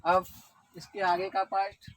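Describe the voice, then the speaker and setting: A man's voice: high voice, completely flat delivery, measured pace. A man teaching an exam-prep lesson, explaining step by step and often putting questions to the viewers.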